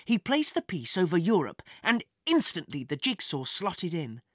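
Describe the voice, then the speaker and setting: A woman narrating a children's adventure story in an expressive storybook reading style. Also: on the low side, normal speed, no echo, studio quality. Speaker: audiobook narrator.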